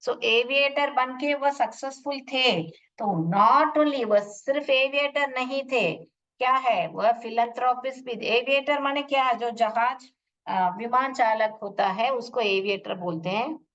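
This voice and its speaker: Slow-talking woman teacher in a classroom. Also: a little high, fairly bright tone. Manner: explains word by word, asks and answers her own questions; spells out and sounds out pronunciation slowly. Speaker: English teacher. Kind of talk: classroom lesson explanation. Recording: dull lo-fi audio from a distance.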